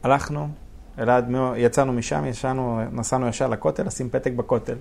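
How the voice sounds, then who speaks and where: A man with a gravelly, fry-laden voice tells stories as a guest on a real estate interview. He talks animatedly, laughing as he goes and acting out both sides of the conversations he describes. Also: medium pitch, level tone, a little mellow. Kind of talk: casual storytelling interview.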